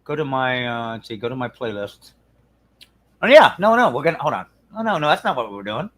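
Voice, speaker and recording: A man's voice: mid-range voice, sing-song, fairly quick, a bit bright. A man hosting a live stream, chatting casually with viewers in crude, profane banter and mumbling to himself while he clicks around. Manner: mumbles while fiddling with screen. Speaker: livestream host.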